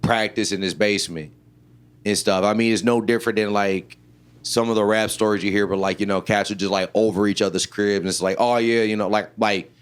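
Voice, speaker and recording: A man's voice: fairly low pitch, steady tone, a little fast, clean tone. A man from Illinois, a rapper and producer, talking as an interview guest in a loose, rambling way full of fillers. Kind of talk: casual interview chat.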